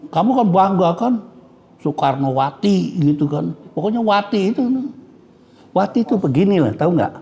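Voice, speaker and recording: A cleric gives a frank, joking scripture lesson. His fairly high voice is mellow with a gravelly edge. The recording sounds dull and lo-fi. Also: expressive, normal speed. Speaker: Islamic cleric teaching scripture. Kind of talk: casual religious study lecture.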